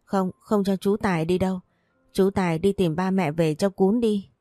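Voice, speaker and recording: A woman's voice: mid-range voice, steady tone, moderate pace, mellow, no echo, clean studio sound, soft background music, natural voice. A woman reading the lines of a clingy little orphan girl in a storybook, in a plain read-aloud delivery.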